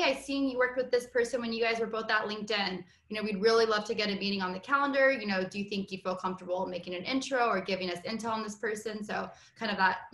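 A woman's voice: medium pitch, a bit bright. Woman, 30s, panelist; casual, filler-heavy delivery, roomy webcam audio. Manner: chatty, quick, many fillers. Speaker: customer success panelist. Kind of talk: casual panel talk on a video call. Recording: roomy video call audio.

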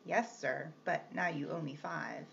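A woman's voice: low voice, unhurried, vocal fry, fairly bright tone, heavily acted. A woman reading the part of a composed young governess, polite but firm and restrained. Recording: slightly muffled with faint hiss.

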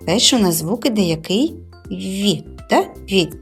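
Woman tutor, animated and patient, coaxes a young pupil through syllables, music bed behind. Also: mid-range voice, moderate pace, creaky. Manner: patient, coaxing, drawing out sounds. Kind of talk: live reading lesson with a child.

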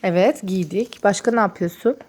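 A woman's voice: mid-range voice, normal speed, darkish tone, slight background noise. A woman, a mother chatting playfully with her toddler in a sing-song, encouraging way, asking short simple questions. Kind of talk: playful casual chat with a small child.

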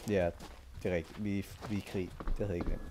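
Jumpy young Danish gamer, faint hiss. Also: male voice, deep voice, little pitch movement. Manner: jumpy, mixes English slang into casual Danish. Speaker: gaming YouTuber. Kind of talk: horror game let's play commentary.

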